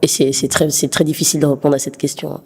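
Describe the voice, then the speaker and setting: A woman's voice: low-pitched, level tone, quick pace, vocal fry, dark tone, breathy edge, big-room sound. Rambling young student woman from Belgium. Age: young adult. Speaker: student interviewee.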